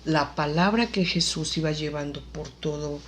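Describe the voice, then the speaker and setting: Woman Bible teacher, low voice, unhurried reading with fillers. Faint background noise. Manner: reads scripture aloud slowly, with fillers and self-corrections. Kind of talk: Bible lesson with scripture reading.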